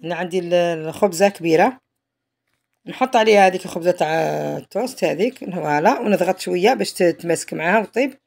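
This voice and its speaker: Fast-talking Algerian woman showing a recipe. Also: lowish voice, animated, a little mellow. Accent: Algerian Arabic. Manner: chatty, repeats "voilà" and trails off mid-phrase. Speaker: home cook. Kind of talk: cooking tutorial narration.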